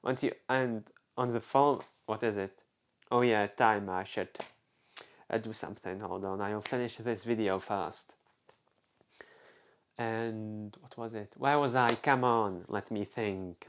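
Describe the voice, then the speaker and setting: On a vlog, a young adult man from the Czech Republic rambles through a casual personal story in a Czech accent, restarting often and leaning on fillers like "like." He speaks slowly in a lowish voice, with slight background noise.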